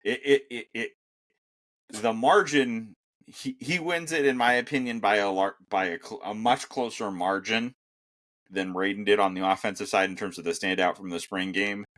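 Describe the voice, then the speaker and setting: A man's voice: lowish voice, steady tone, normal speed, a bit bright. A young man co-hosting a casual sports podcast, emphatic and profane when he gets worked up. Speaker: podcast co-host.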